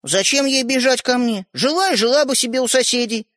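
A man's voice: extremely high pitch, fairly quick, fairly bright tone, no echo, studio quality, pitched above the performer's own voice. A man doing a cautious, fretful boy. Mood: worried. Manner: doubtful, fretful. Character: cautious, sensible young boy.

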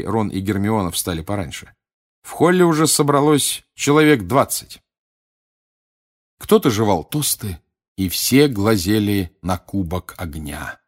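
A man reading a bedtime storybook aloud, narrating in a calm, even way. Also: on the low side. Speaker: audiobook reader.

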